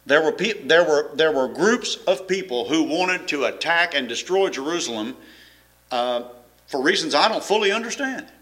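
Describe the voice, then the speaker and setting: A man's voice: a little high, expressive, moderate pace, fairly bright tone. A middle-aged man, preaching a folksy, rambling sermon full of restarts and chuckles. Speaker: pastor.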